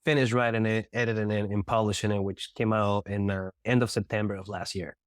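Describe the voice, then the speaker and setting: A man with an Argentine accent talks as a guest on a podcast, his voice a little hoarse from a recent cold. He sits on the lower side in pitch, laughs easily, and answers in a measured way. The sound is dry and close, with no room around it. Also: flat delivery, no echo. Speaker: podcast guest, author and mindset coach. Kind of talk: casual interview chat.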